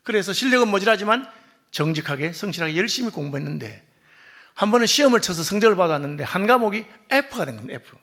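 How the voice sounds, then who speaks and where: A male pastor preaching a sermon, telling a story and acting out the dialogue, often dropping to a soft, quiet voice for emphasis. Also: high voice, sing-song, fast talker.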